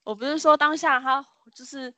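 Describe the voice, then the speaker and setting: A woman co-hosting a podcast, telling a story in casual chat and acting out the people in it with sudden loud cries. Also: high-pitched, normal speed, no echo. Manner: animated storyteller, acts out the people she quotes with sudden shrieks.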